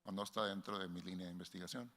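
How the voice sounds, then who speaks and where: A man giving a workshop lecture to researchers in a measured way, often restarting phrases and linking ideas with "entonces". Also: low voice, steady tone, sharp tone. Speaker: workshop instructor. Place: conference hall. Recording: long hall reverb.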